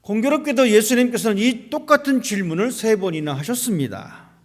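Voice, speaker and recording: A man's voice: sits high, lively intonation, fairly quick. A male pastor preaching a sermon in a church sanctuary, asking the congregation rhetorical questions. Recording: long hall reverb.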